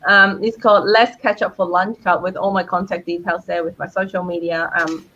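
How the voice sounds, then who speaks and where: A woman's voice: lowish voice, flat delivery, moderate pace, pushed and bright, slight background noise. Cheerful woman on lo-fi stream audio. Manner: cheerful, laughs often, many fillers. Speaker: guest speaker. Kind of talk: answering audience questions on a live stream.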